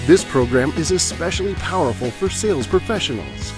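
A man's voice: on the high side, animated, a little fast. A man narrating a promotional voice-over that introduces a speaker and his books. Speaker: announcer. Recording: voice-over over guitar music.

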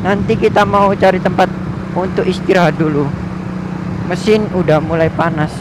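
A man's voice: high-pitched, steady tone, moderate pace. Young man vlogging from a motorbike. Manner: chatty, joking, slangy. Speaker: motovlogger. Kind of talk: casual riding commentary. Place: riding a motorbike on a highway outdoors. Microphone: helmet or bike camera mic. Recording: loud wind and traffic noise. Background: engine and traffic noise.

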